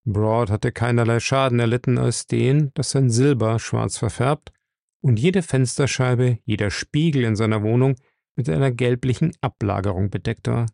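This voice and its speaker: Gravelly man reading a novel aloud. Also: medium pitch, moderate pace, a little mellow, no echo, clean studio sound. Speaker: audiobook narrator. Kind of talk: scripted narration of a crime novel.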